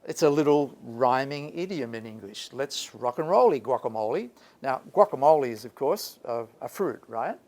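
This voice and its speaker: A man giving an animated English lesson, speaking emphatically and theatrically in short, repeated phrases. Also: medium pitch, normal speed. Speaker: English language teacher presenting. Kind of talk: animated lecture presentation.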